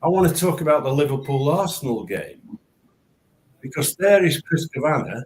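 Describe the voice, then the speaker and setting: A man's voice: on the high side, very animated, moderate pace, darkish tone. A man hosting a casual chat as a former referee, speaking emphatically and repeating words as he starts sentences, over a video call. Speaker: show host and former referee.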